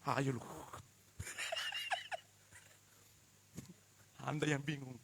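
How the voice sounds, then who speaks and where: A man preaching a live worship sermon, joking with the congregation and swinging from quiet asides to shouted emphasis. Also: medium pitch, huge pitch swings, very slow, creaky, very noisy. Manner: addresses the congregation directly and often. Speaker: pastor.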